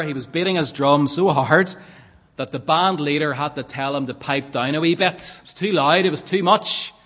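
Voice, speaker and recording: A fairly high-voiced man delivers an earnest sermon, pressing his points and asking rhetorical questions. The sound has a long, ringing reverb from a large church hall. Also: a bit bright. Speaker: preacher.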